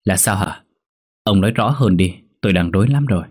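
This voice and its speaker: Guy reading a grumpy old rich landlord, bossy and scolding, low husky voice. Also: lively intonation, brisk, a little mellow. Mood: alarmed. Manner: scolding, demanding. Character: stern wealthy old male landlord, quick-tempered.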